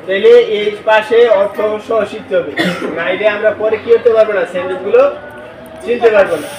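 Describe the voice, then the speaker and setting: A man's voice: sits high, fairly even intonation, fairly quick, noisy background. A male teacher leading a classroom lesson, questioning the class and spelling words letter by letter. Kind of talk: classroom lecture with call-and-response. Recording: echoey classroom from a distance.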